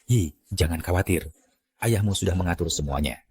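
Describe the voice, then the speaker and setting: A man's voice: sits low, moderate pace, darkish tone, husky, heavily acted. A man dubbing a shrewd, confident middle-aged clan patriarch and father-in-law. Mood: defiant. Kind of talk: dubbed drama acting.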